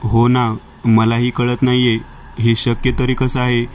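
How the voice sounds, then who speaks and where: A man voicing a calm male friend who soothes and explains things matter-of-factly, in a storybook reading. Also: medium pitch, measured pace, a little hiss or hum, lightly acted.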